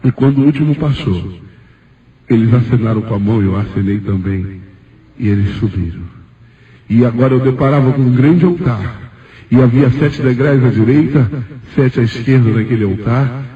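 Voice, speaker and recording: A man's voice: mid-range voice, normal speed, dark tone. A man preaching a testimony sermon, telling his story fervently, his voice rising when he quotes himself. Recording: echoey, distant, dull lo-fi church recording.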